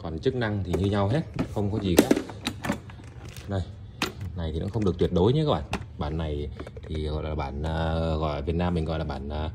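Very low-voiced man pitching products. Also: brisk, long pauses, heavy background noise. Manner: chatty, repetitive, addresses viewers often. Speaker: online seller of used Japanese rice cookers. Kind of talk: casual product showcase and sales talk. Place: indoor tiled room, products on the floor.

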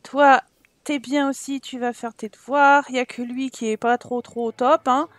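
A young French woman, a Sims gameplay YouTuber, gives casual let's-play commentary in a high voice with fairly even intonation at normal speed. She playfully chats to her characters while playing her life-sim game, and there's no room sound.

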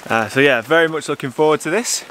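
Speaking quickly in a somewhat high voice, this thirtysomething landscape photographer vlogs casually to the handheld camera he holds close in a rain forest. His manner is excitable, chatty and full of enthusiasm. Steady rainfall pounds on the camera mic, leaving heavy rain noise in the recording.

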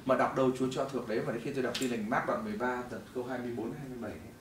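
Fast-talking male preacher in echoey hall. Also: mid-range voice, background noise. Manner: animated storytelling, swinging between loud and hushed. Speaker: preacher giving testimony. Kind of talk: testimony sermon. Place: church hall. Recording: echoey hall, mic at a distance.

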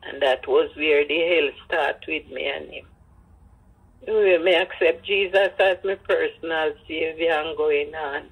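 An older Jamaican grandmother tells her life story in patois, acting out the dialogue as she goes. Her deep, husky voice is unhurried and fairly even, and the sound has a phone-like quality.

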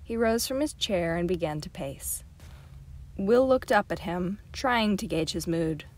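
A woman reading a novel aloud as an amateur audiobook narrator, in a steady, clear storytelling manner. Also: fairly low pitch, a little slow. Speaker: audiobook reader.

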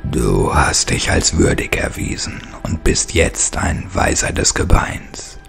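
A man's voice: a bass voice, lively intonation, takes it slowly, creaky, fairly bright tone, faint music behind, voice pushed down, full character voice. A man whispering as a cruel inhuman bone creature. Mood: solemn. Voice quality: whispered, unvoiced.

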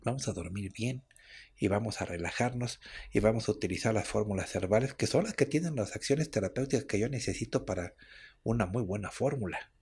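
A man's voice: lowish voice, brisk, vocal fry, a little mellow, breathy edge. A man, a radio host explaining herbal medicine in a chatty way and often asking his listeners for agreement. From Mexico. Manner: chatty, explaining, with frequent tag questions. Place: radio studio.

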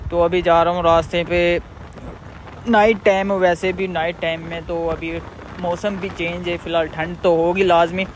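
A man's voice: sits high, slight background noise, low-quality recording. A man vlogging as a food delivery rider, chatting casually and repetitively while riding outdoors on a night road. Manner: repetitive, chatty, explains steps plainly.

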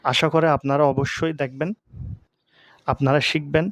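A man's voice: fairly high pitch, flat delivery, moderate pace, fairly bright tone, no echo, clean studio sound. A male Quran teacher giving a step-by-step recitation lesson, patiently repeating each drill.

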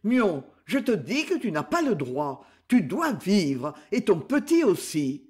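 A man voicing a gentle elder brother from the countryside, who speaks softly, consoling and earnest. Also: high voice, wildly swooping pitch, takes it slowly, heavily acted.

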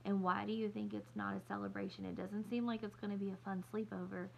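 Gravelly-voiced woman teacher reading aloud. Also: medium pitch, little pitch movement, fast, a little mellow, lo-fi sound, slight background noise. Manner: stops to explain words and ask for predictions. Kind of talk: reading a novel aloud to students.

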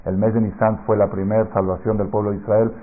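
A middle-aged man preaching a sermon as a rabbi, telling stories and swinging from hushed asides to loud, emphatic peaks. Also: lowish voice, little pitch movement, fast talker. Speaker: rabbi giving a Torah talk. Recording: slightly dull lo-fi recording.

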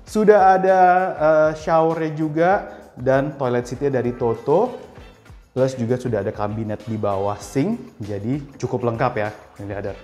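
A man's voice: mid-range voice, moderate pace, darkish tone, soft background music. A man presenting a property on a walking house tour, talking upbeat and straight to the viewers. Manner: upbeat, addresses viewers directly. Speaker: real estate house tour host.

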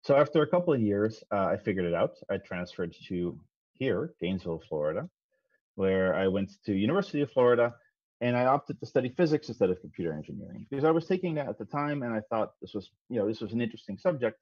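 A man in his thirties, originally from the Netherlands, walks a young audience through a science talk with relaxed, self-deprecating humor and frequent ums. His voice sits a little low. The sound is close and dry, with the slightly dull tone of a headset on a video call. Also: dry recording. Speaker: guest speaker, physicist. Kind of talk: casual presentation over video call. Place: small home office.

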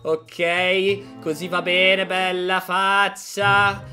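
A man giving excited gameplay commentary as a video host, energetic and playful, often shouting and yelping. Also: high-pitched, unhurried. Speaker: gaming YouTuber. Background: background music.

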